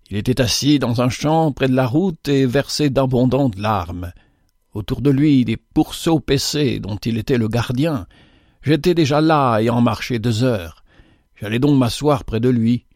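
A man reading as a meek, ragged beggar who speaks with humble earnestness. The voice sits near the reader's own, at a middle pitch, close and dry, like a storybook passage read aloud. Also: unhurried, darkish tone, no room sound, lightly acted. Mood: earnest.

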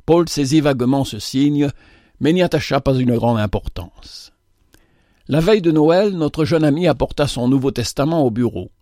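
A man narrates a novel in a measured, expressive read. His voice sits at a middle pitch, and the recording is dry and close, with no room sound around it. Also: no room sound.

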